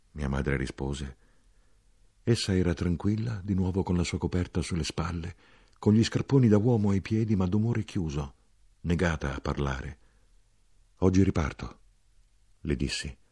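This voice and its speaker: A male narrator reading a literary novel aloud, measured and dramatic. His voice is very deep with a husky grain, and it rises sharply when he voices his own cries in the dialogue. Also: a little mellow. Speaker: audiobook reader.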